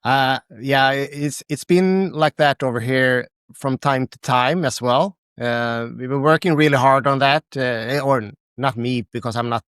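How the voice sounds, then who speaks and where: A man hosting a casual podcast interview speaks slowly and hesitantly at a middle pitch. He mostly offers short agreements. The recording is dry, with no room echo. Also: a bit bright, clean tone. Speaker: podcast host.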